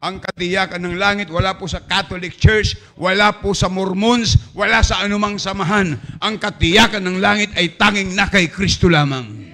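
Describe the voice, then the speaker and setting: A pastor preaching a sermon in a church, swinging from quiet asides to shouted points. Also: male voice, high-pitched, normal speed, few pauses.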